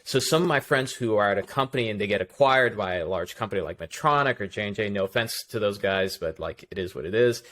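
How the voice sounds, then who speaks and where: A man hosting a podcast interview, talking casually in a halting way, repeating words and restarting sentences. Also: fairly low pitch, fairly bright tone. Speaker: podcast host.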